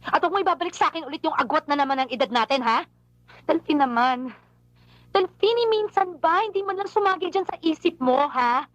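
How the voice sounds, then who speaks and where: A woman's voice: sits high, animated, fairly bright tone, no echo, muffled recording. An actress playing an unmarried woman who scolds her long-absent lover in an emotional film scene. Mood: reproachful. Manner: emotional, reproachful, rapid complaining. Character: unmarried woman, hurt and longing, outspoken. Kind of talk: film drama acting.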